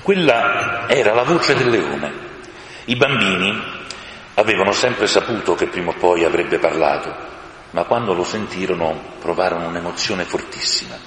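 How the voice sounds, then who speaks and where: A man narrating a storybook, expressive and varied in his telling. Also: low-pitched, moderate pace, slight background noise. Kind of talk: storybook reading. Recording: echoey room with long reverb.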